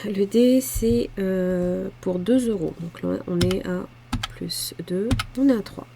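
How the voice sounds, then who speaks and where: Slow-talking southern French woman in her forties. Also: medium pitch, creaky, noisy background. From France. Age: 40s. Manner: chatty, self-deprecating, muttering asides while handling cash. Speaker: budgeting vlogger. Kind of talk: casual talk to camera while filling savings challenges.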